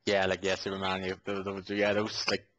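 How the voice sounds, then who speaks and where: A man in his late twenties chats casually on a podcast in a lowish voice. He rambles through fillers and restarts and swears now and then. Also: monotone, fairly quick, a bit bright, lo-fi sound. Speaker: podcast co-host. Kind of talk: casual chat.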